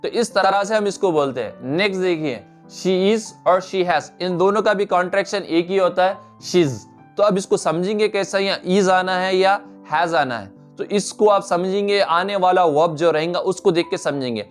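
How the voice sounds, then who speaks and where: A man with a fairly high voice teaches an English lesson. He walks through each point step by step and slowly repeats the example phrases. Soft music plays faintly behind him.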